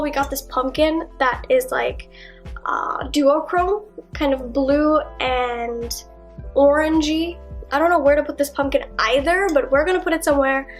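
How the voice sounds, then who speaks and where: Young woman vlogger, high-pitched, chatty and excited, casual haul talk, faint music underneath. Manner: chatty and enthusiastic, with frequent fillers and asides. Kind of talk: casual haul video chat. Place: her apartment, indoors.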